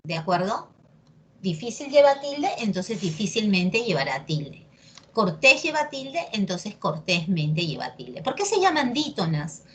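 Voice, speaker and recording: A woman with a Peruvian accent gives a lesson at an unhurried pace. She is patient and repeats key words slowly for emphasis. She often stops to check that her listeners follow. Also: medium pitch, sing-song. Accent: Peruvian Spanish. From Peru. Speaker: pre-university Spanish teacher. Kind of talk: classroom lesson on accent marks.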